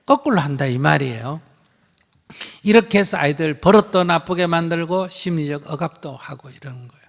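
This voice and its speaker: A man's voice: a little high, expressive, normal speed, gravelly. A man with a Gyeongsang accent, a Buddhist monk answering questions in a live teaching, blunt and emphatic, acting out bits of dialogue. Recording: hall reverb.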